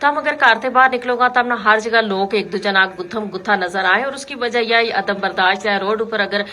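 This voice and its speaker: A woman's voice: mid-range voice, brisk, bright, forceful tone. A woman hosting a radio call-in show, talking to listeners in an unscripted, explanatory, conversational way. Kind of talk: unscripted talk radio commentary.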